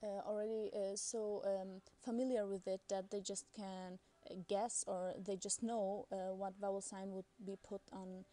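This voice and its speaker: A woman's voice: mid-range voice, little pitch movement, normal speed, few pauses, dark tone. A woman teaching a lesson in a casual, hesitant way, with many fillers and restarts. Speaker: Arabic language teacher.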